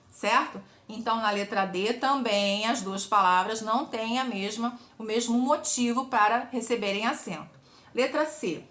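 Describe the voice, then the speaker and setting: A woman's voice: fairly high pitch, pushed and bright. A Brazilian woman teaching an exam-prep grammar lesson, explaining step by step and posing questions she answers herself. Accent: Brazilian Portuguese. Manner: didactic, asks and answers her own questions. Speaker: Portuguese teacher. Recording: echoey room.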